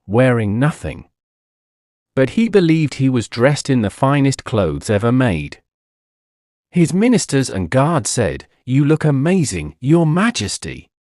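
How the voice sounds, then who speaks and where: A male audiobook narrator reads a story for language learners at an unhurried pace, his expressive delivery rising and falling lively in pitch. Each phrase is clearly set out, and the sound is dry and close with no room sound.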